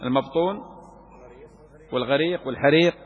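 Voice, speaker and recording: In a muffled, low-quality recording made in an echoing hall, a sheikh with a fairly high voice teaches Islamic law at a fairly quick pace. He works through a legal text by asking his own questions, answering them, and stressing key phrases through repetition.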